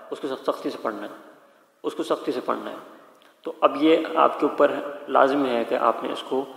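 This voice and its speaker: A man teaching tajweed, explaining patiently and slowly drilling each letter and vowel sound. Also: medium pitch, vocal fry, fairly bright tone. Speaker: Quran recitation teacher. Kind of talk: slow spoken tajweed lesson with drilled syllables. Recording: echoey room with long reverb.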